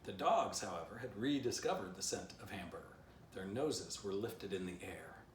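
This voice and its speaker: A man with a deep, animated voice reads his own children's storybook aloud at a moderate pace, tossing in playful asides straight to the listener. The recording is roomy, with a distant mic and faint noise.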